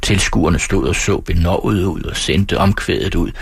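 Deep, husky male storyteller. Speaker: audiobook reader. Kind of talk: scripted literary narration.

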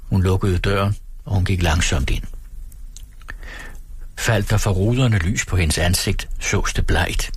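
A man reading a novel aloud as narrator, in a calm, measured way. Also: low-pitched, breathy edge. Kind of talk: audiobook reading.

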